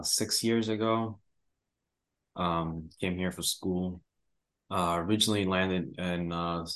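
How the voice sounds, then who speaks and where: Low-voiced young man, hesitant. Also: a bit bright. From Rwanda. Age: young adult. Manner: hesitant, many "uh" and "like" fillers. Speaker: guest, university student. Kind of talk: casual interview answers.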